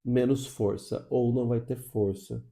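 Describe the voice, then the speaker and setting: Mellow-voiced Brazilian man teaching. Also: medium pitch, steady tone, unhurried, vocal fry. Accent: Brazilian Portuguese. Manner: didactic, checks in with frequent "tá?" and "ok?" tags; asks and answers his own questions. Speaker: English teacher. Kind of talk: explanatory online lesson.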